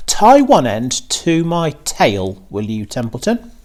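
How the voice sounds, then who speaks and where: Male reader as young pig, storybook character, eager, boastful, naive, raised lively pitch. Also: slow. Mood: cheerful, eager. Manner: exclaiming, earnest.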